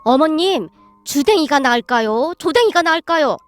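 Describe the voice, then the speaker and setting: Woman playing middle-aged mother-in-law, earnest, eager, high-pitched, story narration. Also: lively intonation, moderate pace, dry recording, faint music behind. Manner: eager, earnest, practiced shouting.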